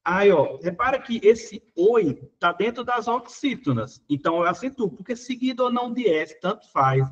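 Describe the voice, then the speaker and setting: A man's voice: sits high, animated, moderate pace, few pauses, highs cut off. A Brazilian Portuguese man teaching, working through exam questions in a casual, conversational way, full of little fillers.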